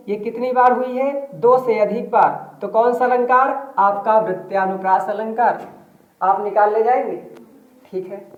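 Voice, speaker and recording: A woman teacher giving a grammar lesson, repeating examples slowly and asking the class questions. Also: on the high side. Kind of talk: online Hindi grammar lesson. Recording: tinny phone-like audio in an echoey room.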